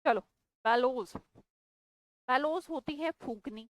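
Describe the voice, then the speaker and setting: A woman's voice: sits high, takes it slowly, no room sound, rough recording. A woman teaching an English grammar class, firmly questioning and scolding students. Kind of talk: online class lecture.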